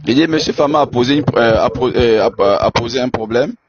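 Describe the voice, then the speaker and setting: A man from Benin speaking in an online debate, halting with many repeated words and fillers. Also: mid-range voice. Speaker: debate participant. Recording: dull lo-fi audio.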